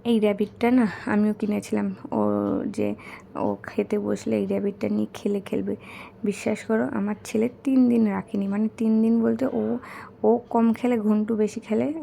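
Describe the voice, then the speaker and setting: Her throat is bad, so a young woman speaks softly and hoarsely, chatting casually as she shows off gifts and keeping quiet because her son is asleep. A little hiss or hum can be heard.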